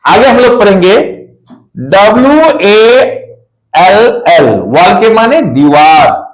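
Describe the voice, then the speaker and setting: A man teaching an English pronunciation lesson, repeating every word slowly and spelling it out letter by letter. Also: high voice, very animated, reverberant, poor audio.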